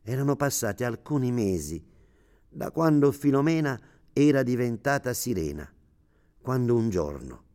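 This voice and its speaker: A man narrating a fairy tale in a slow, deliberate storytelling manner. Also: medium pitch, big pitch swings, warm tone.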